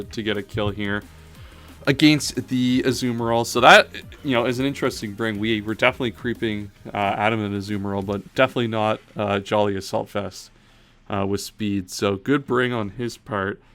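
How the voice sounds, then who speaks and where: Low-voiced man thinking aloud over gameplay. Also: steady tone, normal speed, fairly bright tone, soft background music. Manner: analytical, self-correcting, frequent "um" and "uh". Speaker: competitive battle commentator.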